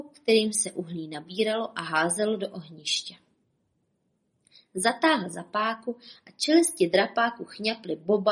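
A woman reading a children's storybook aloud, lively and playful, turning now and then to address the listener directly. Her voice sits at a middle pitch for a woman.

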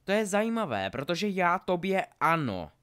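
A man's voice: medium pitch, sing-song, fairly bright tone. A man voicing a sneering, hot-tempered adult male wizard in a storybook reading, taunting and biting. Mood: taunting, shouting.

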